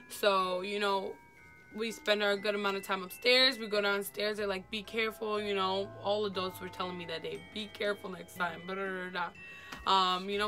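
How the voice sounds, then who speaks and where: Chatty young woman with a bright voice. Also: mid-range voice. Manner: slangy, chatty, addresses viewers as y'all. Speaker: vlogger. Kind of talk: casual storytime chat.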